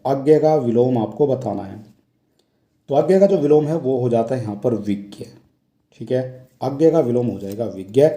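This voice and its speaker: A man's voice: medium pitch, warm tone. A man teaching Hindi exam questions, reading each question aloud and explaining the answer step by step. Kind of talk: exam question walkthrough lesson. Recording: echoey room.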